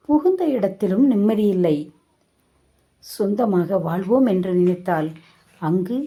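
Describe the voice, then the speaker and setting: A woman's voice: medium pitch, warm tone. Woman voicing a grieving, bitter mother. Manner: pleading, anguished questioning.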